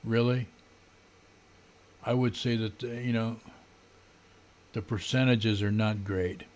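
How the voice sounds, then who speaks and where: An American political vlogger around his seventies delivers an unscripted, grumbling rant to camera from a small home room, speaking into a desk condenser mic. His lowish, slightly mellow voice keeps a fairly even intonation. He's disdainful and sardonic, halting, and clears his throat often.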